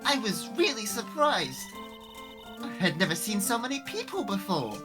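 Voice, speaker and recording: A woman voicing a polite, earnest eight-year-old girl in a fan voice-over of a game, with soft background music. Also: medium pitch, sing-song, normal speed, voice pushed up, lightly acted. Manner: innocent, formal, polite.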